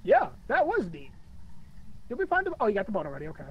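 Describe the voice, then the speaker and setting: A man's voice coming through in-game proximity voice chat, pitched high and swinging widely as he talks. His manner is playful and teasing, full of quick callouts to his teammate. A faint hiss sits under the chat audio. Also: huge pitch swings, lo-fi sound. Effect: heard through in-game proximity voice chat. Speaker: co-op gaming partner. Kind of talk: casual gaming chat.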